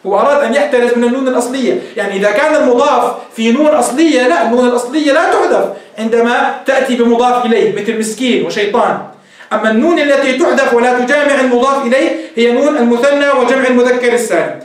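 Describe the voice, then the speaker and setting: A man's voice: extremely high pitch, very fast. A man teaching a grammar lesson, reading from a text and explaining it step by step in a mix of formal and colloquial speech. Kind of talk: recorded lecture. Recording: echoey room, distant mic.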